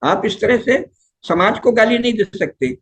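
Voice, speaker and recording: An older man, a scholar in a discussion, speaking in an emphatic, animated lecturing way. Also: sits high, measured pace, poor audio. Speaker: guest scholar.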